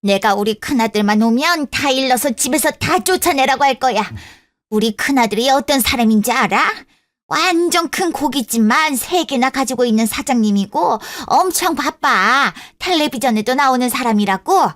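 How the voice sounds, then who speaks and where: A woman's voice: sits high, expressive, moderate pace, fairly bright tone. An actress voicing an elderly mother-in-law who acts like a demanding, sulky child in a radio drama. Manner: whiny, bossy, childish insistence. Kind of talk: Korean radio drama acting.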